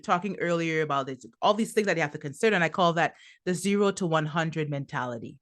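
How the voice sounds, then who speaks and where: A woman's voice: low voice, fast talker. A woman from Trinidad and Tobago, a business coach, talking as a podcast guest in an encouraging, laughing manner. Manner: encouraging, laughs often, emphatic repetition. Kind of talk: casual interview chat.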